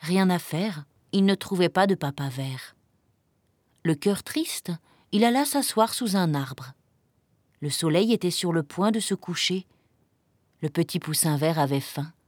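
A woman reading a children's picture book aloud in a gentle, expressive storytelling manner. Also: on the low side, a little slow, no echo.

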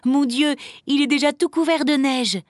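A woman's voice: high-pitched, steady tone, a little fast, mellow, dry recording, studio quality, pitched above the performer's own voice, close to an everyday voice. A woman voicing a cheerful, kind young heroine, eager and exclaiming, in a storybook reading. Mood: dismayed.

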